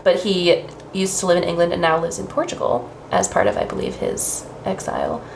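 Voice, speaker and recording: Low gravelly-voiced woman in her twenties. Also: big pitch swings, a little fast. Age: 20s. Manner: chatty storytelling, swears freely. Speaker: podcast guest, stand-up comedian. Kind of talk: casual chat. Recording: echoey room with faint noise.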